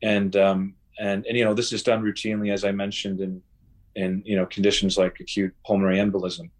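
Man, podcast guest, fairly low voice, measured, lots of ums and restarts. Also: level tone. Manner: measured, many fillers and restarts. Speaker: guest researcher. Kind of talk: podcast interview.

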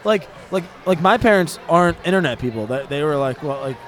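A man's voice: on the high side, animated, fairly quick. A man asking questions in a casual chat, with plenty of "like" and swearing. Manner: curious, swearing, lots of likes. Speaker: interviewer.

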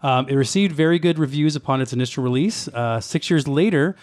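A man hosting a relaxed, joking podcast chat and reading out a list of facts. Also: medium pitch, a little fast, no room sound. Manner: relaxed, joking, reads out segment lists. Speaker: podcast host. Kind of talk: casual chat.

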